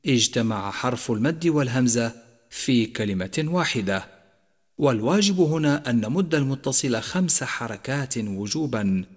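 A man teaching Quran recitation rules, explaining each rule in a measured voice and reciting verses slowly and melodically. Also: mid-range voice, long reverb tail. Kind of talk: tajweed lesson.

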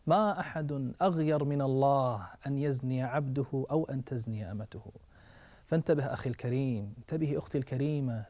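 A man preaching a sermon, telling a story dramatically, rising to emotional peaks and dropping to soft low passages.

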